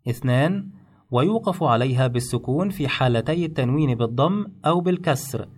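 A man teaching in measured, step-by-step instructional narration. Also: a little high, husky. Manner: measured, explains rules step by step.

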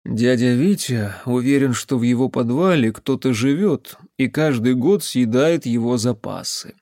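A man voicing a tired, patient mage who speaks in a flat, calm way. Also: medium pitch, unhurried, no room sound, studio quality, lightly acted. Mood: weary.

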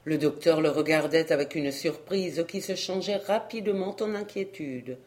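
A woman narrating a classic novel as a volunteer audiobook reader, in a measured, expressive way. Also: deep voice.

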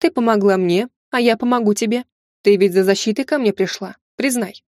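A woman reading an audiobook voices a curious noble lady who speaks in a smooth, condescending, softly amused way. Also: mid-range voice, a little fast, no room sound, clean studio sound, close to an everyday voice. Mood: patronizing.

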